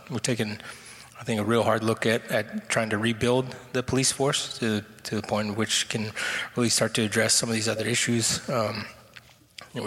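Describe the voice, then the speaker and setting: Middle-aged man at a meeting, flat bright voice, halting, echoey hall. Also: medium pitch. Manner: halting, many restarts and fillers. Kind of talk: unscripted answer at a public meeting.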